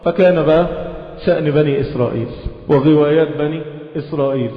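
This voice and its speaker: High-voiced Egyptian man teaching in echoey hall. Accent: Egyptian Arabic. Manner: switches between dialect explanation and slow Quran recitation; lively, rhetorical questions to listeners. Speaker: religious teacher. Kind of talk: Quran lesson. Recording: echoey hall, muffled lo-fi sound.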